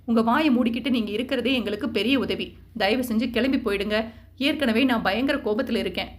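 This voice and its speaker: A woman's voice: a little high, a little fast, close to an everyday voice. A woman voicing an angry young man who firmly tells his mother to stay out of it. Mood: stern. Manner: stern, firm.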